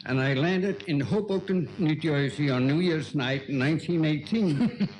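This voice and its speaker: An older man from Denmark with a Danish accent, a guest painter telling unhurried, chuckling anecdotes in a casual talk-show chat. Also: on the high side, darkish tone, low-quality recording.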